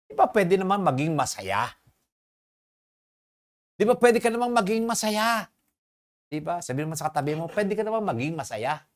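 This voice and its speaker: A preacher delivering a sermon to a congregation, with a lively voice that rises and falls a lot. The talk is full of questions put to the listeners, and scripture lines are drawn out slowly for weight. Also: mid-range voice. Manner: asks the congregation rhetorical questions; mixes English phrases into Tagalog.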